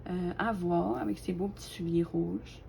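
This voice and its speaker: A woman, casually showing off her craft collection, chatty and hesitant with lots of fillers and soft laughs. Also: fairly low pitch, steady tone, moderate pace, gravelly, slight background noise. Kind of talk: casual show-and-tell.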